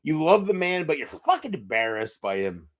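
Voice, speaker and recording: A man's voice: fairly high pitch, very animated, normal speed. A man livestreaming alone, talking drunk, rambling and profane with his chat.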